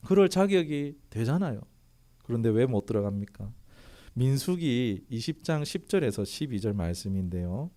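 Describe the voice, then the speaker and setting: A man's voice: mid-range voice, normal speed. A male pastor preaching a sermon who keeps asking rhetorical questions and reads scripture aloud in a formal tone. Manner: lively, fires rhetorical questions at the congregation.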